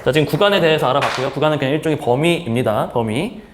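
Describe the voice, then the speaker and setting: A man's voice: fairly high pitch, expressive, very fast, roomy sound, noisy background. A male math teacher giving a casual lecture, asking questions and then answering them himself. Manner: asks and answers his own questions; casual, speaks in plain everyday talk to students.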